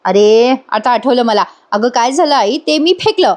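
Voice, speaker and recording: A woman's voice: a little high, animated, normal speed, darkish tone, lightly acted. Woman reading a flustered evasive young man. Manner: stammering excuses.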